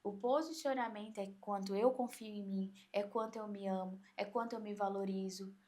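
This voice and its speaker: A woman coach with a Brazilian Portuguese accent, explaining in an animated way on an interview podcast and acting out inner voices. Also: mid-range voice, moderate pace.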